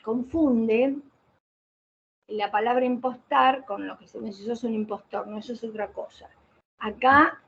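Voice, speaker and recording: Over muffled video-call audio carrying a faint hiss, a female voice specialist lectures online about caring for the voice, posing questions and then answering them. Her voice is fairly high, gravelly, with a breathy edge, picked up by a computer microphone.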